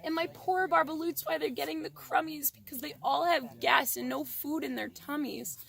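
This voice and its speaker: An indignant old storybook creature, acted by a woman, scolds and pleads for the forest in a high, raised voice. The rhyming lines are recited by rote. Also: steady tone, normal speed, gravelly, a bit bright, heavily acted. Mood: indignant, sorrowful.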